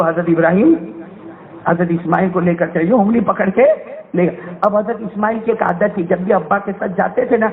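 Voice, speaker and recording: High-voiced preacher, fervent, tinny sound. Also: male voice. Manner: fervent, repeatedly quizzes the audience. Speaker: Islamic preacher. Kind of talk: emotional sermon storytelling.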